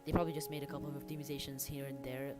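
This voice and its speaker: Speaking very fast in an extremely low voice with little pitch movement, this woman livestreams while working on her hobby game development. Her chat is casual, informal and self-deprecating as she thinks aloud over background music and the clatter of typing.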